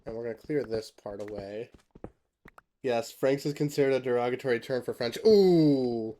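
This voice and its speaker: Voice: mid-range voice, normal speed, mellow. A streamer from Canada keeps up loose, casual commentary while building in a game. The talk is full of laughter and offhand swearing. Now and then the streamer reads chat messages aloud and answers them.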